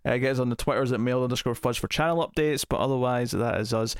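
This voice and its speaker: A man's voice: mid-range voice, fast, clean tone, no room sound, studio quality. Man hosting a chatty podcast. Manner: chatty, many fillers and restarts. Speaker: podcast host. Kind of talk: casual chat.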